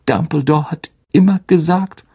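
A man's voice: fairly high pitch, normal speed, warm tone, slightly rough, voice pushed up. A man voicing a stern older schoolmistress. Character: stern older female teacher, clipped and grave. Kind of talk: audiobook character voice.

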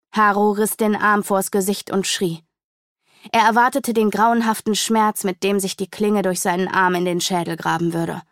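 A woman narrates a fantasy novel with vivid, dramatic storytelling. Her voice sits at a middle pitch for a woman. The recording is dry and close, with no room sound. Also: no room sound. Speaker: audiobook narrator.

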